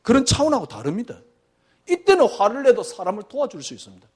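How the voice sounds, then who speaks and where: High, lively preaching man. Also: fast talker, breathy edge. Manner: emphatic, rhetorical questions, swings between loud and hushed. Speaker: pastor. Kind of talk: sermon.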